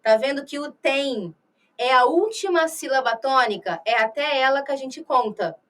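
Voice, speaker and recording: A Brazilian woman teacher with a Rio de Janeiro accent explains poetry in a recorded exam-prep lecture, her high, expressive, fairly bright voice picked up by a distant mic. She poses rhetorical questions, checks in often with "né?" and "tá?", and reads verses slowly and drawn-out.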